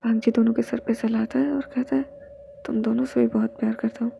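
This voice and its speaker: A woman's voice: on the high side, level tone, fast, creaky. A woman narrating a romance fanfiction, voicing every part herself and often dropping to a whisper. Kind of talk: storytelling, reading all parts aloud. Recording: dull lo-fi sound with faint noise.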